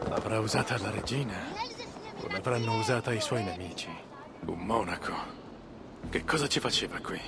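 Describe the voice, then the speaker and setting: A man's voice: on the low side, normal speed, pauses often. A man playing a composed Viking warrior on a search in a video game dub. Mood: focused, pensive. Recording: clear background noise from game ambience.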